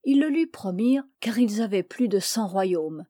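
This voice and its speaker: A woman reads an old fairy tale aloud in a clear, measured way. Her voice is mellow and warm-toned, at a middle pitch. The recording is close and dry. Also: lively intonation, dry recording. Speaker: reader of fairy tales. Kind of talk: storybook reading.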